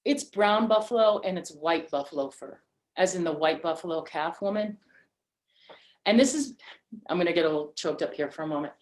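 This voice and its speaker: A woman hosting an online holiday gathering, talking casually and haltingly with many fillers over a video call mic. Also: medium pitch. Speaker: event host.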